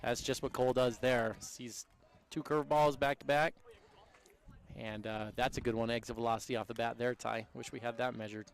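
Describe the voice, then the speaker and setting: A man giving color commentary on a high school baseball game for local radio, chatty and teasing, breaking down the hitters. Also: steady tone, brisk, gravelly, clean tone.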